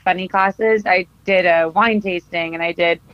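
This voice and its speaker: A woman's voice: on the low side, fairly even intonation, moderate pace, no room sound, highs cut off. A woman in her twenties from California, a film photographer chatting in a casual interview, laughing often and filling with likes and ums. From Costa Mesa, California. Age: 20s. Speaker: podcast guest, film photographer.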